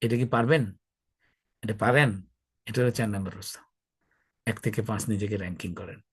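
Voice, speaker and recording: A man's voice: fairly low pitch, fairly quick, slightly rough, no echo. Middle-aged male Islamic lecturer, conversational, questions the audience, drawls his key words. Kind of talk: religious talk to an audience.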